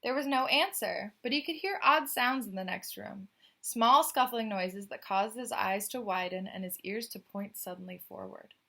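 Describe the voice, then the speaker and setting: A woman with a bright, clear-cut voice at a medium pitch reads a picture book to young children. She tells it expressively, as a storyteller does, and speaks to her listeners in chatty, animated asides. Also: normal speed.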